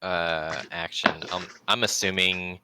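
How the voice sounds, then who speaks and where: A man playing a tabletop role-playing game in casual chat, laughing often and halting with many fillers. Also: low voice, fairly even intonation, very noisy.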